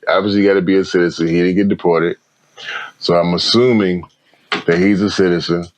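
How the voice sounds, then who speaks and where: Deep-voiced laid-back male podcast host. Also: fairly even intonation, a little fast. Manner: laid-back, slangy, says "bro" and "man" often. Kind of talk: casual reaction chat.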